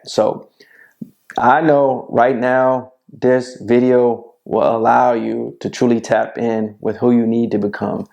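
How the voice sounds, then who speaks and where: Gravelly man in his thirties, preachy. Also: mid-range voice, mellow. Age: 30s. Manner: preachy, repetitive, calls the viewer "bro". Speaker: men's self-help video host. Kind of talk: direct-to-camera motivational talk. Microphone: lapel mic clipped to shirt.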